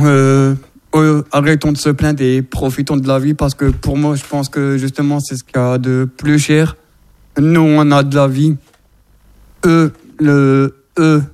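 A man's voice: on the high side, flat delivery, unhurried, a little mellow, smooth. A man speaking earnestly in a casual discussion, urging listeners with repeated phrases. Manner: earnest, exhorting, repetitive phrasing. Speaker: guest speaker.

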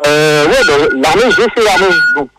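A man's voice: on the high side, normal speed, loud music behind the voice. A man phoning into a radio show. His voice comes through a phone line into the studio, and he speaks in a loose, chatty way. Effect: caller heard over a phone line into the studio. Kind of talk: casual phone-in chat.

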